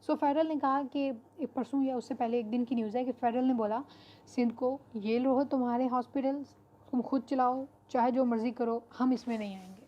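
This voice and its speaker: A woman teaching an online class. Her voice sits fairly high yet sounds mellow and warm. She explains in an unhurried way and pauses on fillers. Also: steady tone, muffled recording. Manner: explanatory, mixes English terms into Hindi-Urdu, frequent fillers. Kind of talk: online lecture.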